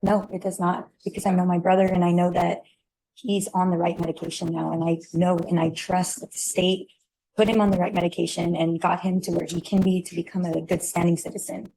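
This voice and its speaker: A woman giving testimony as a witness in a courtroom, explaining in a halting way. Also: lowish voice, flat delivery, creaky, mellow, poor audio. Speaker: witness, relative of the defendant.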